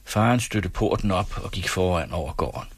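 A man hosting a radio program, reading a novel aloud in calm, measured narration. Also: deep voice, breathy edge, no room sound. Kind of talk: literary read-aloud narration. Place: radio studio.

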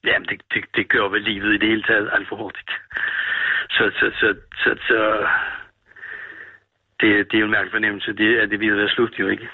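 A man's voice: lowish voice, flat delivery, husky, dry recording. A man in his sixties, a crane driver calling in, answering in a plain, hesitant and brief way. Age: 60s. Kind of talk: casual phone interview. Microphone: telephone. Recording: tinny phone line.

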